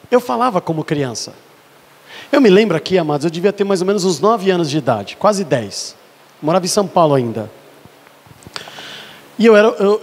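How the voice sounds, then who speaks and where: A man preaching in a church with a high, somewhat husky voice. His delivery builds from quiet storytelling into fervent emphasis, and the voice rings out with a long reverb through the hall. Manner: preaching with rising intensity, varied pitch. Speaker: pastor. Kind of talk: sermon.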